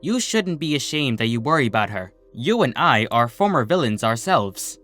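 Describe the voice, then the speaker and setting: A man voicing a regal, gentle pony princess in a storybook reading, with formal, old-fashioned phrasing. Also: mid-range voice, big pitch swings, normal speed, soft background music. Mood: earnest. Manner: formal, archaic turns of phrase.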